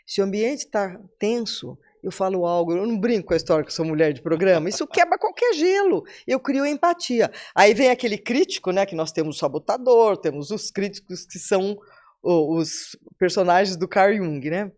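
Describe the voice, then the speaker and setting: A woman in her seventies with a Brazilian Portuguese accent gives a motivational talk on a podcast, speaking directly to those listening. Her mid-range voice is expressive and a little mellow, and her pace is moderate.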